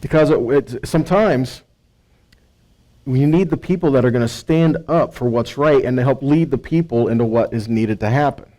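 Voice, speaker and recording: An American preacher with a warm, mid-range voice teaches the Bible conversationally, reading and explaining verses. He often asks rhetorical questions and checks in with listeners through tags like "right" and "okay." The recording is rough.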